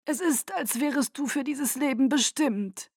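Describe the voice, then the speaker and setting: A woman putting on a high, melodic, eerie vampire lord. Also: a little slow, no echo, studio quality. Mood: silky, delighted. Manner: melodic, silky and theatrical. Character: ancient male vampire leader, charming and eerie. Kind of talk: audiobook reading.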